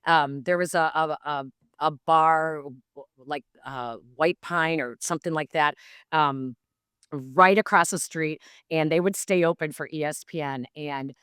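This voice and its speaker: Low-voiced, chatty woman broadcaster in her fifties. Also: a little slow, smooth, no echo, clean studio sound. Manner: animated, rambling with many fillers. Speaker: sports broadcaster, podcast guest. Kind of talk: casual anecdotal storytelling.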